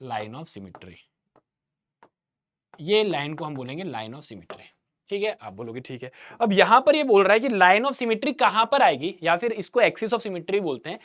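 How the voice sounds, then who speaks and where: A man teaching an online maths revision class, talking to students in a lively, chatty way and often answering for them. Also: high voice. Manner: lively Hindi teacher, addresses students as bhaiya, voices their replies.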